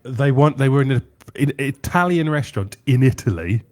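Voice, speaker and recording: A man's voice: medium pitch, expressive, brisk, a little mellow. Rambling man on the radio. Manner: rambling, hesitant storytelling with restarts and put-on voices. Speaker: radio co-host. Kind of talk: casual banter. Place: radio studio.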